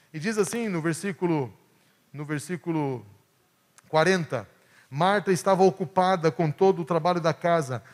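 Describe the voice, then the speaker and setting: A male pastor from Brazil preaching a sermon, swinging between emphatic peaks and hushed asides. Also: high-pitched. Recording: long church hall reverb.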